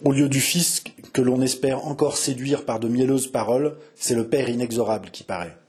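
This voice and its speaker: A man voicing an old, gruff army commander, curt, rough and scornful, in an audiobook reading. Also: mid-range voice, moderate pace, darkish tone, close to an everyday voice. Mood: harsh. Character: old gruff male army chief, harsh and proud.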